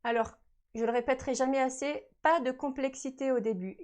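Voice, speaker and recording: A woman's voice: sits high, fairly even intonation, fairly quick, darkish tone. A woman presenting an instructional webinar, patiently explaining and repeating her key points to parents. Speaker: webinar presenter on early reading.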